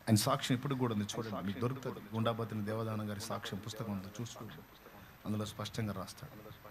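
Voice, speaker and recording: A man's voice: fairly low pitch, fairly even intonation, racing, a crowd in the background. Fervent male preacher telling a story. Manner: dramatic storytelling, rising to loud fervent proclamation. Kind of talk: sermon storytelling.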